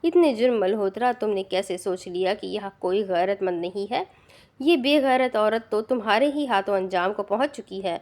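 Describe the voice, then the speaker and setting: A woman's voice: mid-range voice, expressive, darkish tone, natural voice. A woman voicing a ruthless young male avenger. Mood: contemptuous. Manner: harsh, commanding, contemptuous.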